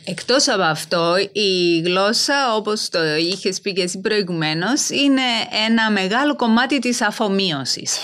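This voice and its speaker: A woman's voice: medium pitch, expressive, hardly any pauses, a bit bright. A woman hosting a casual podcast chat, agreeing often and repeating herself. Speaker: podcast host.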